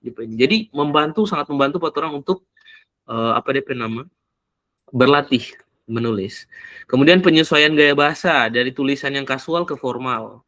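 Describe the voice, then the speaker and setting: Halting man, dry sound. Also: mid-range voice, fairly bright tone, dry recording. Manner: halting, often pauses to search for words. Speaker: speaker explaining AI tools for learning English. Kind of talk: casual explanatory talk.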